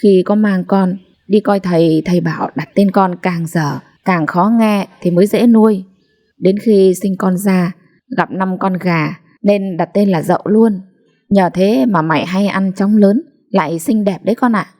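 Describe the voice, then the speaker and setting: A woman's voice: medium pitch, unhurried, dark tone, close to an everyday voice. Woman doing a chiding, plain-spoken mother. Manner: scolding, matter-of-fact. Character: plain-spoken mother, scolding but fond.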